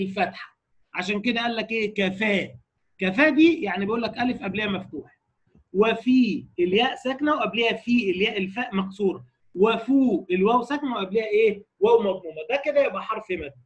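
A man with an Egyptian Arabic accent giving a lecture on tajweed rules, slowing down to recite quoted lines and putting rhetorical questions to his class. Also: high-pitched. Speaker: Quran recitation teacher.

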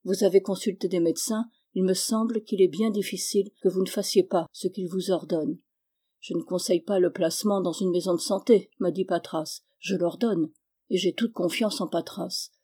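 Mellow, husky woman reading a novel. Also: on the low side. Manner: steady, measured reading, rising for emotional lines. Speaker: audiobook reader.

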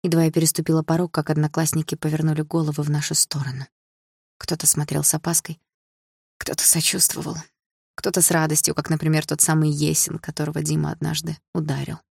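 A woman narrating a first-person audiobook in a restrained, intense, measured way. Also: sits low, flat delivery, gravelly, a little mellow, breathy edge, dry recording, studio quality.

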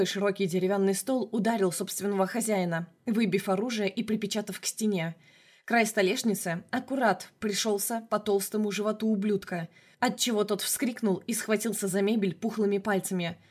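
A woman narrating a novel in an even, measured storytelling voice. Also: medium pitch. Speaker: audiobook narrator. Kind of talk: audiobook narration.

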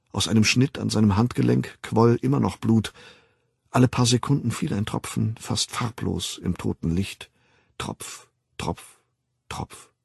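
A man reading an audiobook in a measured, grave storytelling manner, close to the mic. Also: medium pitch, vocal fry, husky, no echo. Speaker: narrator. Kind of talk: scripted audiobook narration.

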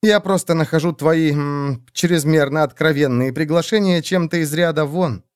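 A man's voice: on the high side, normal speed, smooth, no room sound, studio quality, lightly acted. A man voicing a haughty, jealous queen with a cold, cutting way of talking.

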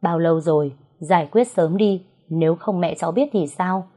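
A woman's voice: on the low side, moderate pace, dark tone, natural voice. A woman voicing a worried aunt who talks bluntly and scolds.

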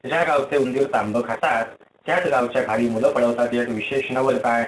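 A man's voice: mid-range voice, fairly even intonation, fairly quick, roomy sound, a little hiss or hum, natural voice, rough recording. A man playing a shrewd, mocking merchant. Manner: dry, mocking. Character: shrewd, witty male merchant.

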